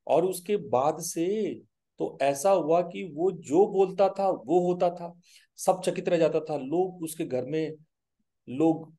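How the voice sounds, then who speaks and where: A man telling a spiritual story in a webinar, unhurried and pausing on fillers. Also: a little high, mellow. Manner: unhurried, slips in fillers and short asides while telling the tale. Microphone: video call.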